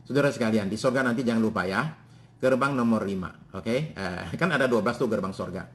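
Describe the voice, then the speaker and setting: A male pastor, preaching a sermon in a church and telling family stories with lively swings in pitch. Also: fairly quick.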